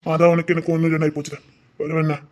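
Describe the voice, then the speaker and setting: An actor with a Tirunelveli Tamil accent playing a desperate young man who pleads with his lover, swinging from hushed pleas to shouting. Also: a little high, completely flat delivery, quick pace, close to an everyday voice. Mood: curt. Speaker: actor in a romance drama. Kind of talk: emotional drama acting.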